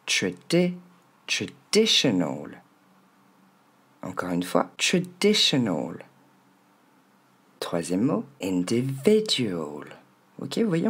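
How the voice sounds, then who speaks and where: A man teaching English pronunciation in a French-language lesson, slowly sounding out model words syllable by syllable. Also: medium pitch, slightly rough. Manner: slow, drawn-out model words with syllables split apart.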